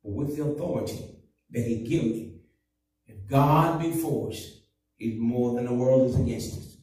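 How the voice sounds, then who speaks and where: A middle-aged man preaching a fervent sermon with call-and-response, his voice swelling into loud surges. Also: medium pitch, normal speed. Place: small church room, indoors. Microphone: headset mic. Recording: echoey room, heard from a distance.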